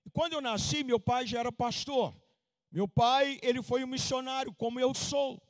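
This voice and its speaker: A man in his seventies from Minas Gerais, a missionary pastor preaching a sermon, reading scripture slowly and preaching with fervent emphasis. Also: very high-pitched, fairly even intonation, no echo. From Minas Gerais, Brazil. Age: 70s.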